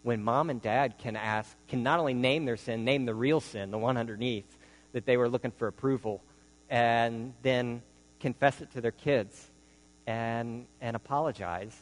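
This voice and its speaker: A man's voice: medium pitch, normal speed. A man giving a sermon through stories, talking in a conversational way with many "you know" fillers. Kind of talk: sermon with storytelling. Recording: long hall reverb with mains hum.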